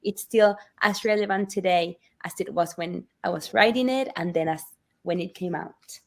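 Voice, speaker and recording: A woman from Argentina, a Spanish speaker, talking as a children's book author on a video call in a lively, storytelling way. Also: on the low side, moderate pace, gravelly. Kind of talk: reading and interview chat.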